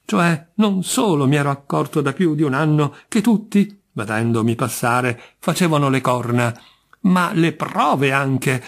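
A man with a husky voice voicing Chiarcaro, a bitter middle-aged man branded a jinx, indignant and insistent in an audiobook reading. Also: fairly high pitch, pitched above the performer's own voice.

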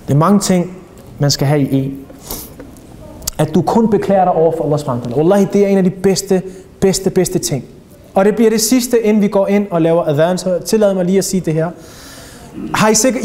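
Animated male Islamic teacher, higher voice. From Denmark. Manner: animated, addresses audience directly with rhetorical questions. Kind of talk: religious lecture to youth.

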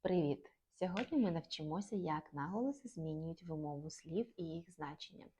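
A woman giving a scripted lesson on word stress in English pronunciation, saying each example word with deliberate stress. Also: low-pitched, expressive, mellow, a little hiss or hum. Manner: clear, deliberate explanations with stressed example words. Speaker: English teacher.

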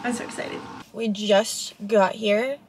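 Speaking slowly in a steady, medium-pitched voice, a twenty-something coffee-shop vlogger chats cheerfully as she reviews drinks in her car and at cafes. A handheld camera or phone captures her up close, with background noise and music playing beneath.

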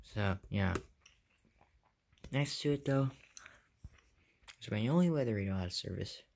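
A young American hobbyist video maker gives an easygoing show-and-tell from a small carpeted bedroom, speaking in short, offhand phrases into a handheld phone held behind the camera. His lowish voice is creaky and a little mellow, with lively intonation at a measured pace.

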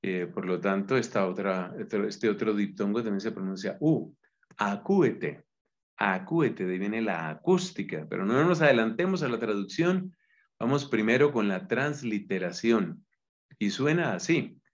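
A man with a Colombian Spanish accent, a Dominican friar, teaching biblical Greek patiently and chanting verse lines slowly. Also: on the low side, animated. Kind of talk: gentle Bible lesson with sung Greek verse. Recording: slightly dull, lo-fi recording.

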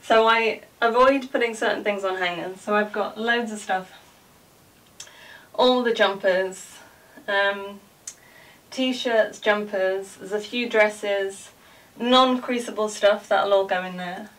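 Speaking slowly at a medium pitch with a slightly bright tone, a woman in her forties gives a chatty vlog tour of her small indoor dressing room at home. She rambles informally with asides while moving around to show things. The distant camera mic, a few feet away, catches background noise and clicks.

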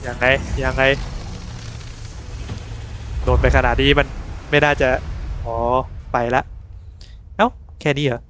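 A man giving casual, excitable gameplay commentary, often exclaiming and explaining game items. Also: medium pitch, slow pace, long pauses, soft background music. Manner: excitable, frequent loud exclamations. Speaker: gaming channel host.

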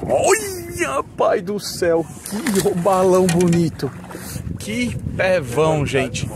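A man chatting excitedly and laughing often as he hosts a fishing vlog out on a boat. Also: high voice, slow pace. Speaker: fishing vlogger host. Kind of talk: casual on-camera fishing chat. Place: outdoors on a boat at sea. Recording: loud wind and boat noise.

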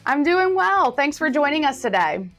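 A woman's voice: sits high, sing-song, normal speed, fairly bright tone, faint music behind. A woman in her thirties hosting a podcast over a video call, friendly and chatty with many fillers. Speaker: podcast host. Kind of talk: casual interview chat. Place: home office with bookshelf. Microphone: webcam video call.

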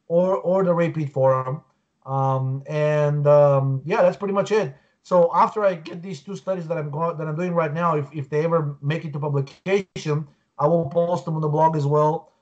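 A Bulgarian man in his 40s, a guest researcher, is interviewed over a video call from a room at home. His fairly high voice comes through dull, muffled and lo-fi, and he explains things earnestly with many restarts.

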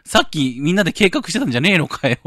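A male game streamer playing a horror game, reading the story text softly and breaking into loud, excited outbursts between lines. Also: fairly high pitch, racing, no echo, studio quality. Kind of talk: horror game playthrough, reading dialogue aloud with commentary.

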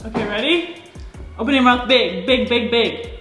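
A woman co-hosting a casual challenge vlog, expressive and squeamish, laughing through complaints. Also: a little high, normal speed, echoey room, over music. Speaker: vlog co-host.

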